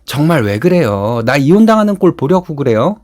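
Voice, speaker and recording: A man's voice: fairly high pitch, very animated, brisk, a little mellow. A man voicing a grown son who reasons with his mother and pleads with her to back down. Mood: pleading. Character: exasperated grown son defending his wife.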